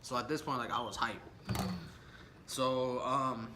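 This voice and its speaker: A young man tells stories in a relaxed, slangy way, wandering off track and chuckling as he goes. He sits at a medium pitch. There is steady background noise in the room. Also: slow. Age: young adult. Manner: laid-back, slangy and rambling, laughs often. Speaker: vlogger. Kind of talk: casual story time chat.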